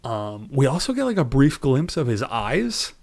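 A man's voice: mid-range voice, very animated, normal speed, creaky, darkish tone. A man co-hosting a podcast, chatting casually and laughing often. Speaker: podcast co-host. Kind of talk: casual chat about an anime.

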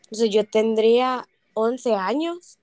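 A woman's voice: fairly high pitch, takes it slowly, dry recording. A woman, casually telling family stories on a podcast and acting out the people she quotes. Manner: animated, acts out quoted voices. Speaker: podcast co-host. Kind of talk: casual storytelling chat.

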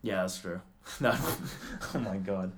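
Brief: young male co-host, mid-pitched, relaxed, easygoing replies. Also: slow pace, noisy background. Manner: laid-back, easygoing responses. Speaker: podcast co-host. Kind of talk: casual banter.

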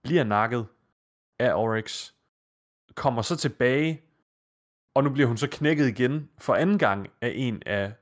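A man co-hosting a gaming podcast, talking casually and enthusiastically, rambling through his thoughts. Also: mid-range voice. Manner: enthusiastic, quick, rambling analysis. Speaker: podcast co-host. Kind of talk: casual chat.

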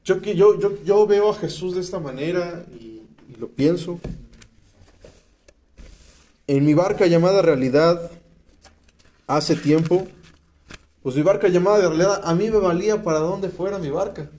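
Mexican guy preaching at a rehab place, high voice but soft and warm, slangy and emphatic. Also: measured pace, long pauses. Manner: slangy, emphatic, reads and explains scripture. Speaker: speaker at a rehab center. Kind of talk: preaching testimony to addicts.

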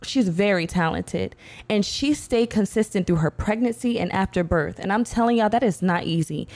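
A young woman co-hosting a casual podcast chat, animated and slangy, with a slight lisp. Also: mid-range voice, moderate pace. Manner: chatty, animated, uses slang. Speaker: podcast co-host.

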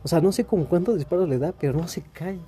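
A man's voice: a little high, quick pace, warm tone, soft background music. A man with a Mexican accent, talking casually and rambling in a laid-back, slangy way to his listeners. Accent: Mexican Spanish. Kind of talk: casual monologue.

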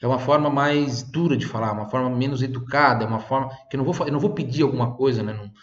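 Patient man teaching language. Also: medium pitch. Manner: patient, repeats phrases slowly for learners to copy. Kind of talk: online language lesson. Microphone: desk microphone. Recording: roomy, slightly dull sound.

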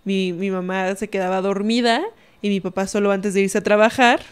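Animated Mexican woman telling a story. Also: mid-range voice, normal speed, clear, resonant tone. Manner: animated, tags lines with "¿no?", acts out quoted voices. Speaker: podcast guest storyteller. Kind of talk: casual storytelling.

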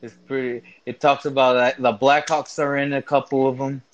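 Halting man recommending a sports show. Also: mid-range voice, flat delivery, dull audio. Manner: halting, with restarts and "uh". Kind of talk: casual chat.

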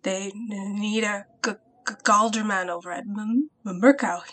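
A woman's voice: mid-range voice, fairly even intonation, normal speed, a bit bright, natural voice. A woman voicing a frightened young male farmhand who stutters through chattering teeth, in an audio storybook.

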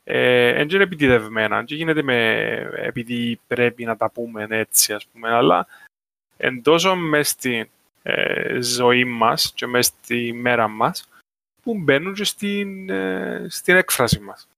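A man's voice: mid-range voice, animated, creaky, pushed and bright, no echo. A man with a Cypriot Greek accent, talking in a casual discussion. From Cyprus.

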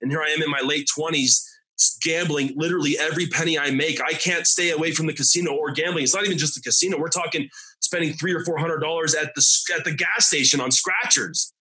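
As a podcast guest, a man in his thirties from Arizona shares his recovery testimony, speaking haltingly and often repeating and restarting. His voice is on the high side, husky, with a bright, forceful tone.

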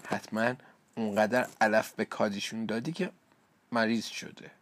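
A man's voice: on the low side, flat delivery, slight background noise, lightly acted. A man reading a storybook aloud, voicing a girl's angry, impatient mother with a slightly raised voice. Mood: scolding. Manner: impatient, scolding. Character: angry scolding mother of a young girl.

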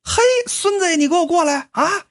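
Woman doing a cocky young guy, swaggering, stammering, lively swooping pitch. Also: normal speed. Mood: belligerent. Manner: swaggering, quarrelsome, bursts into flustered stammering. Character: brash cocky young man back from the dead. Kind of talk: comic storytelling.

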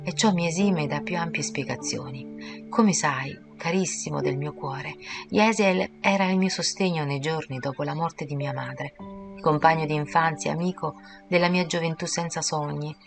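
A tender young woman, sorrowful and pleading, as a woman narrator reads her. The voice is low and soft, heartfelt in every phrase. Music plays clearly behind the reading. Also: moderate pace. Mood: sad pleading.

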